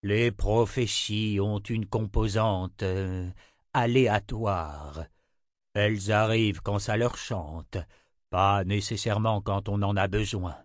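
A grave, brooding prophet in a fantasy audiobook, as a male reader puts him on, voice dropped low and musing with hesitant pauses. Very slow and dry, right on the mic. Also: no room sound.

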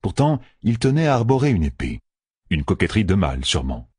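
Male audiobook narrator, very deep, husky, dry close recording, expressive reading. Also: brisk, dry recording. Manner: expressive storytelling. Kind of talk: scripted narration.

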